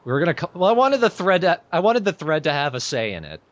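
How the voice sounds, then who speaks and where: His voice is a little high and very animated, and he talks quickly over a video game soundtrack. He's a let's play host swearing freely in dry, casual conversation with a co-host, captured on lo-fi audio with a bit of hiss or hum.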